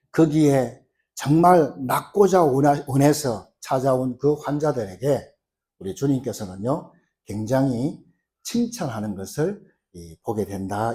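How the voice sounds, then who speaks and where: A pastor with a warm, mid-range voice tells a story during his sermon in a church sanctuary, peppering it with "uh" fillers. As he goes, he acts out the quoted cries, his intensity mounting.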